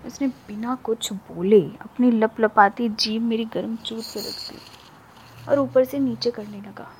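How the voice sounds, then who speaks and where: Gravelly-voiced woman telling a sensual story. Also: on the high side, fairly even intonation, unhurried, a little hiss or hum, rough recording. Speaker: story narrator. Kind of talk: sensual first-person story narration.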